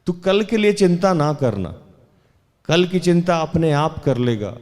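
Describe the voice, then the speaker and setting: A man preaching a sermon, reading scripture slowly and deliberately and then preaching with rising emphasis. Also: a little high, expressive, darkish tone, big-room sound. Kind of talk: Hindi sermon with Bible reading.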